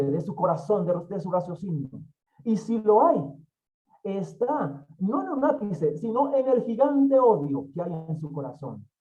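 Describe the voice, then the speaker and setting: Male Bible teacher, emphatic sermon delivery, mellow tone, muffled lo-fi recording. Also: sits high. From Colombia. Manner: emphatic, repeats key phrases, acts out quoted voices. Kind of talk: expository Bible study sermon.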